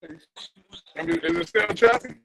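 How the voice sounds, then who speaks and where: Man on a breaking-up call from a busy spot, gravelly, lively pitch, halting delivery. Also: background noise. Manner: halting, asking if he can be heard. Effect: choppy, cutting-out call connection. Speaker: player calling in remotely.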